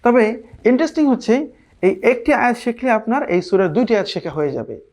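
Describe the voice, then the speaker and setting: A man teaching a Quran recitation class, explaining pronunciation patiently and reciting verses slowly, checking in with his listeners. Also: extremely high pitch, animated, a little mellow. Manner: drawn-out Arabic recitation between plain explanations. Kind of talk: online recitation lesson.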